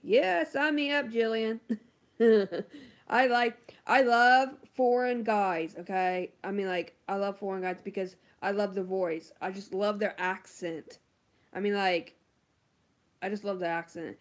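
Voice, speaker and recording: A woman's voice: mid-range voice, fairly even intonation, a little slow. A woman beauty vlogger chatting casually on a livestream, answering viewer comments with lots of ums and likes.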